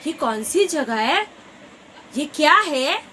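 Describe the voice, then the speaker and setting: A woman voicing a curious, timid little raindrop boy in a children's story, with a high childlike pleading voice. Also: big pitch swings, slow pace, pushed and bright, slight background noise, full character voice. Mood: eager.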